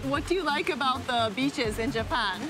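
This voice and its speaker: High-voiced woman reporting on a beach. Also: moderate pace, music in the background, low-quality recording. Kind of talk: on-location reporting and interviews. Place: outdoors on a beach. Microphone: handheld microphone.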